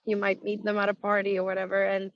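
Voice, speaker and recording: A Swedish rock singer, naturally raspy and now extra hoarse from touring, talks frankly in a casual interview, laughing often and filling her speech with fillers and restarts. Her voice is medium-pitched and monotone, her pace quick, and the recording muffled.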